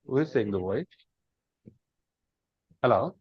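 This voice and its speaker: Here a husky, animated man speaks slowly at a medium pitch, walking students through cloud computing in a live online class. He repeats points and asks rhetorical questions as he goes step by step. The recording is dry, dull and lo-fi.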